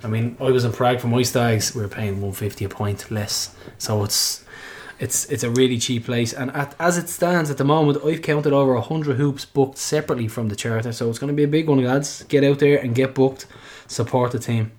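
A man's voice: mid-range voice, fairly quick, few pauses, a little mellow. An Irish man hosting a football fan podcast in a casual, chatty, joking and colloquial way. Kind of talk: casual chat.

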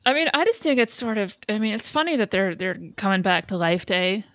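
Woman podcast host, casual fan chat, blunt and sweary, medium pitch. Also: animated, brisk, fairly bright tone, dry recording, clean studio sound.

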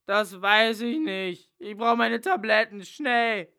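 A man voicing an ancient vampire count who talks slowly and weakly. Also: high-pitched, pushed and bright, clean tone, voice pushed up, exaggerated voice. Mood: feeble. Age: centuries old. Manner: gasping, slow and weak. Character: ancient male vampire count, frail and groaning.

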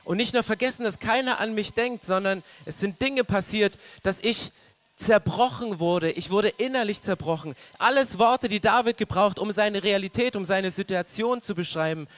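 A young man preaching a sermon, earnest and rising to loud, passionate stretches. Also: high voice, moderate pace, no echo. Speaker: pastor.

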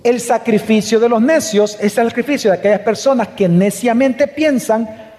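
A man's voice: extremely high pitch, normal speed, darkish tone. A man preaching a sermon in earnest, asking the congregation rhetorical questions. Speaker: pastor. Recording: long hall reverb.

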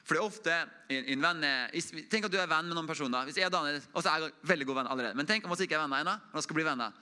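A young man preaching an informal testimony sermon as a mission report, earnest and conversational, often dropping to a hush. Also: on the high side, smooth. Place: church.

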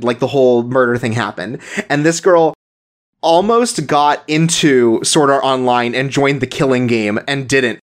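Rambling casual podcast co-host. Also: medium pitch. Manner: rambling, many "like" fillers, laughs often. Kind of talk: casual chat.

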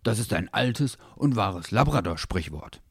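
A man voicing a greedy, dreamy male Labrador mix in a storybook reading, with a drawn-out, longing way of talking. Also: fairly low pitch, sing-song, husky, dry recording, studio quality, exaggerated voice. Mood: matter-of-fact.

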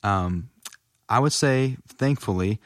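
A man's voice: on the low side, slow pace, no room sound, clean studio sound. A man with a West Texas accent hosting a casual interview, feeling his way through questions as he rephrases them.

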